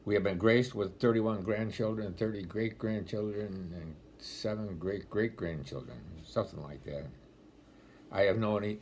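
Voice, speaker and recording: A deep-voiced deacon in his eighties from the Rochester, New York area gives a homily-style talk, telling stories with gentle dry humor. He's filmed indoors in a room at home on a close-range laptop webcam, with slight background noise.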